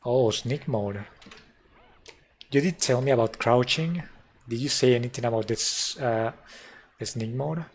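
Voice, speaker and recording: A man's voice: mid-range voice, moderate pace, husky. A man commenting as he plays a mobile game on a live stream, wry and self-mocking, talking to himself and his chat.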